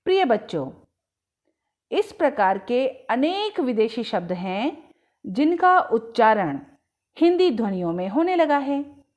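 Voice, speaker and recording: A woman teaching a language lesson in slow, scripted narration, drawing out each word with deliberate enunciation. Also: on the high side, very animated, a little mellow. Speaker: Hindi teacher.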